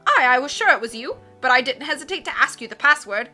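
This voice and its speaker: Woman as Captain Widdershins, blustering high-pitched submarine captain. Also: lively intonation, sharp tone, soft background music, full character voice. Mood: blustering, scatterbrained. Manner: roaring, self-contradicting, rapid changes of mind. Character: blustering, excitable, scatterbrained male submarine captain.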